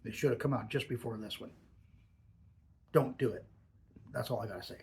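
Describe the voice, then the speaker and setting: A man's voice: on the low side, racing, darkish tone, slight background noise. A man giving a casual, off-the-cuff product review with a lip full of dip pouches, savouring and stressing his words as he goes.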